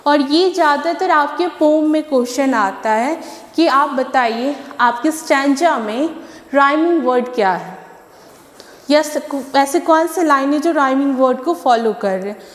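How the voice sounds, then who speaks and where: Woman phonics teacher, high voice, unhurried, echoey room with a long tail. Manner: patient, repeats words and asks rhetorical questions. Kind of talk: online English class in Hindi.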